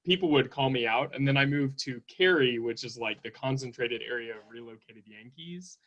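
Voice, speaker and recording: A man's voice: medium pitch, normal speed, fairly bright tone, dull audio. A young man from North Carolina in casual chat on a video call, telling chatty anecdotes. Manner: chatty, self-deprecating anecdotes.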